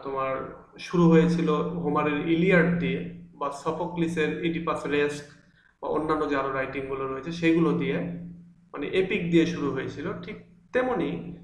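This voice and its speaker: A male teacher giving an online class from an empty room that echoes, explaining patiently with frequent fillers and restarts. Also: fairly high pitch. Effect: echo from an empty room. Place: large, mostly empty room.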